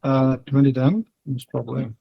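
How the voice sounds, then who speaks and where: A man with a Russian accent answering interview questions casually, in halting, hesitant phrases. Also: medium pitch, steady tone, creaky, breathy edge, dry recording, highs cut off. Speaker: software engineer, interview guest.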